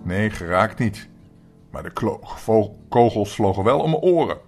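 A man's voice: fairly low pitch, expressive, measured pace, darkish tone, soft background music. An older man voicing a frightened, whimpering village boy in a read-aloud storybook. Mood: scared whimper.

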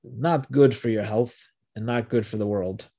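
A man teaching a Torah passage, reading the verses slowly and then translating and explaining them, often asking rhetorical questions. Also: lowish voice, gravelly, warm tone.

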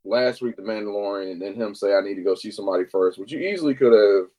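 A man co-hosting a casual podcast chat, talking excitedly and swearing now and then. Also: on the low side, quick pace, rough recording. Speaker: podcast co-host.

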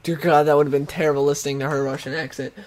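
A man's voice: fairly high pitch, flat delivery, very fast. A man co-hosting a casual podcast, sharing opinions and reading news items aloud. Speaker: podcast co-host. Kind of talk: casual chat.

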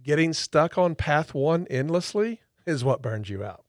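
A man's voice: a little high, animated, measured pace, no echo, studio quality. Emphatic man teaching his craft. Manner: emphatic, repeats words for stress. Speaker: podcast co-host, therapist trainer. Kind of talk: teaching explanation.

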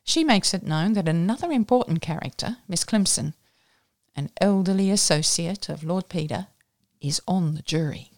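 A woman's voice: on the low side, lively intonation, moderate pace, darkish tone, dry recording, studio quality. A woman with an Australian accent reading a novel aloud and summarising it in a plain-spoken, unfussy way. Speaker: reader.

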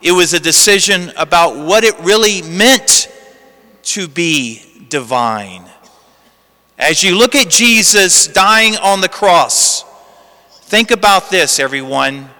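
A man's voice: sits high, expressive, pushed and bright. Male priest preaching in an echoing church. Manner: measured, emphatic preaching with deliberate pauses. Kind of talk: homily and Gospel reading. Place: large reverberant church. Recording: long echoing cathedral-like reverb.

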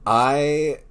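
A man's voice: a little high, a bit bright. A man co-hosting a podcast in casual chat, rambling and correcting himself as he hunts for names. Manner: rambling and self-correcting, admits being bad with names. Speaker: podcast co-host.

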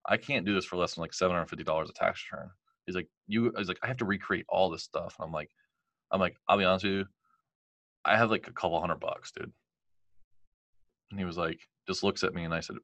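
A guest tells his own story in casual conversation, his deep yet bright voice forceful and animated. He acts out other people's lines and peppers his speech with fillers like "like" and "you know." The audio is dry, close, and dull, with no room sound at all.

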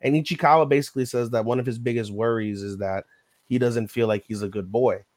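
A man's voice: mid-range voice, fast talker. A man co-hosting a podcast, recapping an anime episode in casual chat, telling it animatedly and swearing freely. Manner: profane, animated storytelling. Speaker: podcast co-host.

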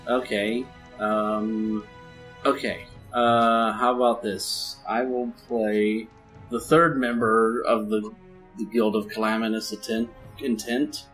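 A man's voice: on the low side, flat delivery, slow, a bit bright, faint music behind. A man playing in an improvised tabletop role-playing game, hesitantly feeling for his words. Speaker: role-play player. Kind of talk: casual improvised game chat.

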